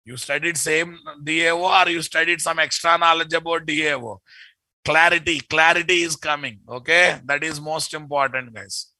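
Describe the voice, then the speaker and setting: Lecturing in a live online programming class, a man with a Telugu Indian accent speaks emphatically, repeats key phrases and makes sure students are keeping up. His voice is on the high side, steady and sharp, moving at a moderate pace with few pauses. The recording is dry.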